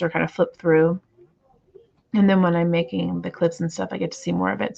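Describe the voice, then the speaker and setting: A slightly hoarse woman hosting a comic book reading stream, chatting casually with lots of fillers and trying to slow her naturally fast speech. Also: lowish voice, lo-fi sound. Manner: rambling, filler-heavy, self-deprecating. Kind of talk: casual livestream chat.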